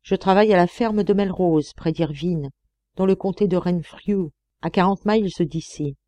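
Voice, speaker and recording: A woman's voice: lowish voice, no room sound. A woman voicing a cheerful young male miner turned farmhand who loves to sing, talking in a jovial, hearty way. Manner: jovial, hearty, calls out loudly.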